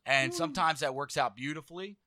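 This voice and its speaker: A man's voice: fairly high pitch, a little fast, sharp tone. A man who hosts a podcast, chatting casually with friends. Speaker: podcast host and prank caller. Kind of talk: casual group chat.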